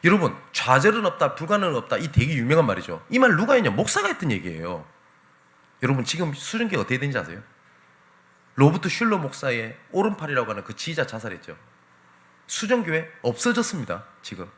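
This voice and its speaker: A pastor preaching a Sunday sermon in an animated, emphatic storytelling manner. His voice is bright and forceful, and his pitch swings widely from phrase to phrase. He speaks from a church sanctuary. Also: quick pace.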